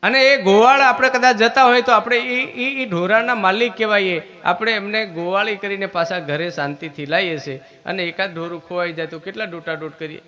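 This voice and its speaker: In a village sermon that includes devotional singing, a man preaches, teaches, and questions his listeners. His voice sits high and sounds pushed and bright.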